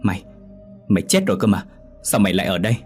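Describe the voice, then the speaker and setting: A man's voice: deep voice, lively intonation, fast talker, darkish tone, soft background music. A man voicing a spiteful, hot-tempered older mother-in-law who scolds and curses shrilly. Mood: terrified.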